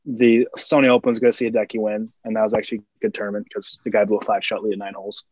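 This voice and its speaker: A man's voice: lowish voice, flat delivery, racing, darkish tone, no room sound, highs cut off. A man co-hosting a sports podcast, rambling through long explanations of golf rules in casual chat. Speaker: podcast co-host.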